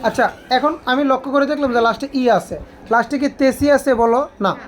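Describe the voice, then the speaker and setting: Woman teacher, high-pitched, drills the class with repeated questions. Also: normal speed. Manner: asks students repeated questions. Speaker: English teacher. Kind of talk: classroom grammar lesson.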